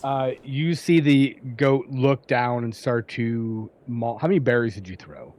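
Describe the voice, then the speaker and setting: Halting man narrating as game master. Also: medium pitch, a little mellow. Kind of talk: improvised tabletop game narration.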